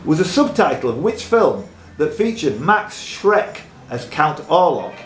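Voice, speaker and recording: A quiz host with a fairly high, sing-song voice reads questions at a measured pace and banters teasingly with players during a live pub quiz. The pub room echoes, music plays in the background, and there's a slight hiss or hum.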